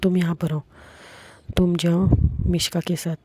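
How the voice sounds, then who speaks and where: A woman's voice: on the low side, level tone, measured pace, warm tone, husky, dry recording. A woman narrator voicing a strict female school teacher who gives firm orders. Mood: stern.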